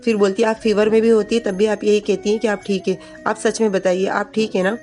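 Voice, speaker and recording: A woman's voice: medium pitch, fairly quick, soft background music. Woman casually retelling a TV serial episode. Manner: plain retelling with quoted lines read flatly. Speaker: storyteller recapping a TV serial. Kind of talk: casual spoken recap narration.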